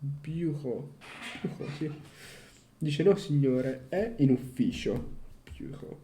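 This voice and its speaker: Male self-study vlogger: very dark tone, unhurried, halting delivery with frequent restarts and swearing. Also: fairly high pitch, lively intonation. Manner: halting, repeats syllables, swears in frustration. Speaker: language learner. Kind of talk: casual self-study vlog, reading aloud.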